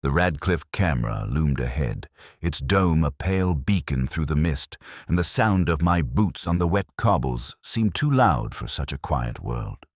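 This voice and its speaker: An actor playing a pensive, melancholy detective inspector, narrating a mystery in a measured, reflective, literary way. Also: male voice, very deep voice, lively intonation, dry recording, studio quality, exaggerated voice. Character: pensive, melancholy male English detective inspector, bookish and observant. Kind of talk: scripted first-person mystery narration.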